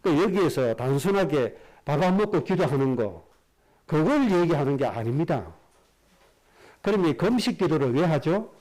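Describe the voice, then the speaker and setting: A man preaching a Sunday sermon as a pastor, asking the congregation rhetorical questions and dropping low at the ends of phrases. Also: big pitch swings, a little mellow, low-quality recording. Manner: slows down and drops low at the end of phrases.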